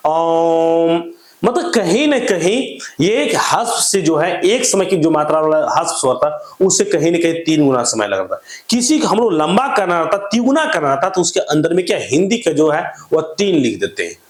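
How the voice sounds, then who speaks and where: A man's voice: on the high side, very animated, moderate pace. A man teaching a grammar lesson, often asking a question and answering it himself, repeating each point. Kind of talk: classroom-style grammar lesson. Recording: echoey room.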